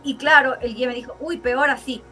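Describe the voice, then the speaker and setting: Brief: woman, interview guest, high bright voice, lively storyteller, soft music underneath. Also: fairly quick. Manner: animated, acts out quoted voices with exclamations.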